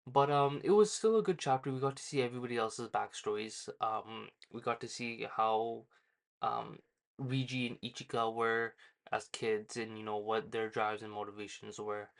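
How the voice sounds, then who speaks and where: A man hosting his own channel, casually retelling a manga chapter, full of fillers and quick quoted lines. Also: mid-range voice, steady tone, creaky. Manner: loose, filler-heavy retelling with quoted dialogue. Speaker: manga reviewer. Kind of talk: casual recap.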